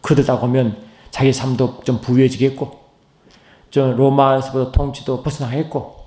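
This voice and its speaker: A man's voice: flat delivery, moderate pace. Middle-aged pastor man in an echoey church. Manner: swings from loud high rising calls to low hushed asides; asks the congregation many questions. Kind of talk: sermon. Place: church sanctuary. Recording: roomy church echo.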